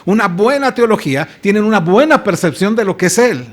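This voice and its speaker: A male pastor delivers a sermon in a rather high voice. He preaches with emphasis, often pausing to ask his listeners rhetorical questions and addressing them warmly as brothers. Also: expressive.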